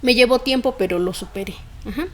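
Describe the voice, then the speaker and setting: A woman, speaking as a podcast guest in a voice a little higher than most. She tells a personal story with real emotion and keeps it flowing, using frequent fillers and small acknowledgements. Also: fairly quick, darkish tone.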